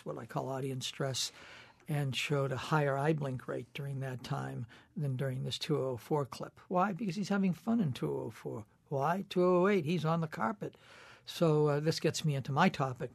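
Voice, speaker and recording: A man's voice: mid-range voice, normal speed, gravelly, no echo. A man appearing as a psychologist guest on a radio panel, explaining his points analytically, step by step. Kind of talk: expert radio commentary.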